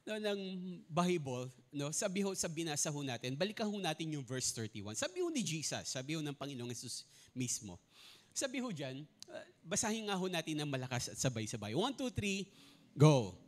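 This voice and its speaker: A male pastor, preaching a sermon in a polite manner, often asking the congregation questions and leading them in reading aloud. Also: a little high. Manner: animated, asks the congregation questions and leads group reading aloud; polite, tags many lines with respectful particles and "no?".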